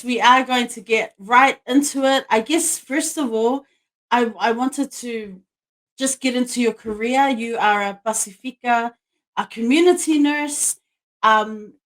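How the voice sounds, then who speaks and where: A woman's voice: on the high side, unhurried, a bit bright. A woman hosting a podcast, interviewing casually with an enthusiastic, informal manner. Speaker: podcast host.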